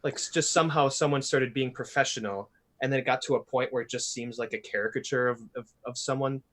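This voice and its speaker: A man chatting on a podcast, his voice sitting in an ordinary middle register. He talks in a blunt, animated way and swears freely. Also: medium pitch, fast. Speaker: podcast host. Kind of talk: casual podcast chat.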